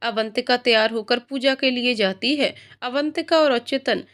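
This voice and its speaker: High-voiced woman storyteller. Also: normal speed, fairly bright tone. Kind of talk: scripted story narration.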